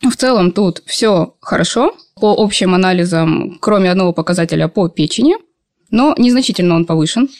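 A woman's voice: fairly low pitch, expressive, fairly quick, darkish tone, no room sound, studio quality. A woman speaking as an expert endocrinologist, giving conversational medical commentary in an explanatory, good-humoured way.

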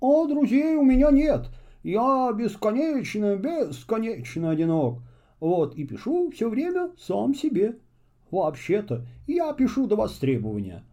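A man voicing a polite, shy and lonely little male traveler in a children's story, speaking slowly and courteously. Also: high-pitched, huge pitch swings, mellow, voice pushed up, heavily acted. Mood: polite, gentle. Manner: slow, courteous and hesitant.

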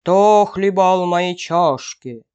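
A woman voicing a huge father bear in a storybook, roaring slowly and loudly. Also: lowish voice, clear, resonant tone, highs cut off. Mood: angry. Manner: roaring, slow and loud.

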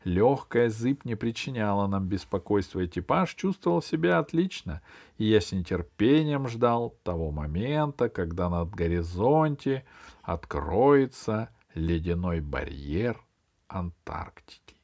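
An audiobook reader tells a children's adventure story in the first person, unhurried and lively. His phrases tend to sink low and soft at their ends.

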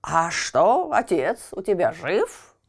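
Woman doing a blustering, cruel male puppet master for a storybook recording; slow, gruff and barking. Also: on the low side, huge pitch swings, exaggerated voice. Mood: grumbling.

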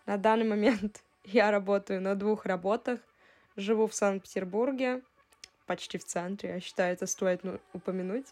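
A woman's voice: medium pitch, fairly even intonation, normal speed, darkish tone. Chatty woman in her twenties. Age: 20s. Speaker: podcast co-host. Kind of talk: casual chat.

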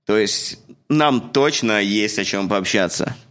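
A man's voice: fairly low pitch, takes it slowly, a bit bright. A man in his thirties from Russia, co-hosting a casual podcast and talking earnestly with fillers. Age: 30s. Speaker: podcast co-host. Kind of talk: casual chat.

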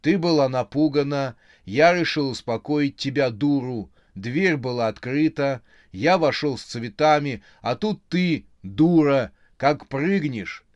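A man voicing a startled, hot-tempered young man who shouts in exasperation. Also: mid-range voice, big pitch swings, moderate pace, dry recording, muffled recording, natural voice. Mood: angry.

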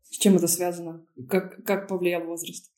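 A woman's voice: on the low side, flat delivery, normal speed, warm tone. A woman talking casually in a podcast conversation.

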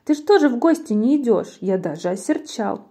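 A woman voicing a tiny, cheeky male mouse in a rhyming storybook, squeaking and bragging. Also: moderate pace, breathy edge. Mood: boastful. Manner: cheeky, excited, shouting greetings. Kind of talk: storybook reading in verse.

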